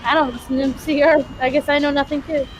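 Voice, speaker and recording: A woman from Florida chatting casually with friends, making goofy dark jokes. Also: high-pitched, flat delivery, fast talker, a crowd in the background, rough recording. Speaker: streamer. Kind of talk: casual group chat.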